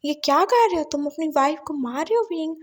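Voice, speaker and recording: A woman's voice: high voice, expressive, fairly quick. A woman voicing a nervous, flustered young man who stammers and gives in.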